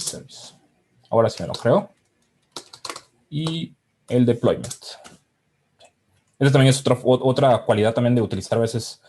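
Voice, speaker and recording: A man giving a live technical demo, thinking aloud with halting restarts while he types commands. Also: medium pitch, warm tone, breathy edge.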